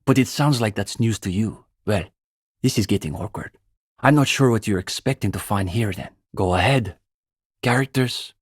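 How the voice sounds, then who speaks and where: This video game dialogue comes from an earnest young male communist student who leads a revolutionary reading group, a pompous, self-important zealot. He speaks at a moderate pace, precise and lecturing like a bookish intellectual, in a fairly low husky voice captured close and dry with no room sound. He comes across as a guarded, skeptical young adult.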